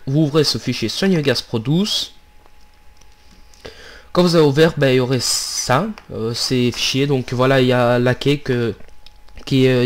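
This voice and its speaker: A man talks through a software tutorial at his computer in a casual, unscripted way. He hesitates often and restarts his phrases as he walks through each step, recorded on a desktop microphone. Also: mid-range voice. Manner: hesitant, many fillers and restarts, steps through clicks. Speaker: tutorial maker.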